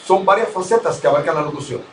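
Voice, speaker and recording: A man's voice: on the high side, expressive, quick pace, a bit bright. A man, a professional radio announcer, explaining his advice in a didactic way during an interview. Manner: didactic, lists points and gives advice. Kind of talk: conversational interview. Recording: roomy, distant mic with faint noise.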